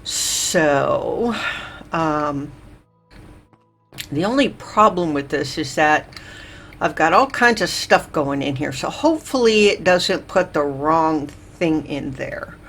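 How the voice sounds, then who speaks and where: Slow, rambling woman gaming host. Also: sits low, lively intonation, fairly bright tone, a little hiss or hum. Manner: rambling, filler-heavy, thinks aloud. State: out of breath. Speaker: Minecraft let's play host. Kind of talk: slow, chill gameplay commentary.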